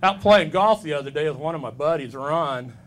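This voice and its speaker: A man in his fifties works through a stand-up set on a club stage, firing off dry, self-deprecating one-liners. His voice sits a little high for a man. Faint room noise hangs behind him. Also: expressive, fairly quick. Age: 50s. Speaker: stand-up comedian.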